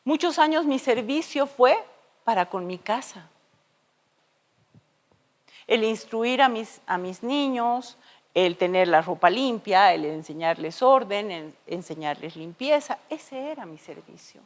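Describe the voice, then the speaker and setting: A woman preacher delivering a sermon, telling stories with dramatic shifts between loud and soft. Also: medium pitch, unhurried, big-room sound. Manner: expressive storytelling with dramatic shifts in loudness. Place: church.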